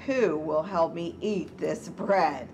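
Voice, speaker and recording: A woman's voice: low-pitched, slow, darkish tone, poor audio. A woman voicing a hardworking, self-reliant storybook hen with a plain, resolute delivery. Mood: resolute, asking. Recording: clear background noise.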